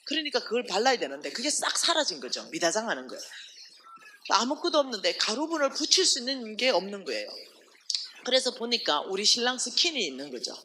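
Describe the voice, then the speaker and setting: A woman's voice: fairly high pitch, brisk, background noise. A woman giving a testimony sermon at a revival meeting, telling her story animatedly and asking the audience rhetorical questions. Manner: animated storytelling, acting out quoted voices. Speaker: ministry staff speaker at a revival meeting.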